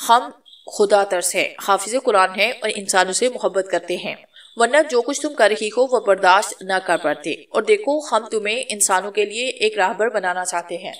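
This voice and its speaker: A woman's voice: mid-range voice, recorded from a distance, close to an everyday voice. A woman voicing a stern, pious male jinn elder who scolds and preaches.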